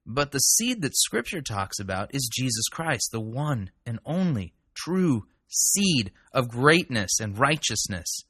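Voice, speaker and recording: A man picks apart a sermon recording with mocking, exasperated commentary. His voice is bright and a little husky, with lively swings in pitch. It sounds close and dry, with no room behind it. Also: no echo. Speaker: podcast host critiquing a sermon recording. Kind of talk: sarcastic commentary.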